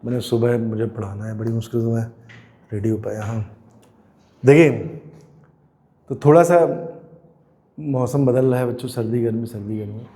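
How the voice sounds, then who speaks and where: A man's voice: medium pitch, steady tone, normal speed, pauses often, mellow. A man, unwell and sore-throated, teaching a physics class and teasing and scolding his students. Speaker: coaching teacher.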